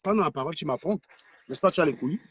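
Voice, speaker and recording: A man's voice: on the high side, expressive, fast, slightly rough, no room sound, lo-fi sound. A man ranting to his viewers on a live stream, mocking and repeating his points for emphasis. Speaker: online commentator.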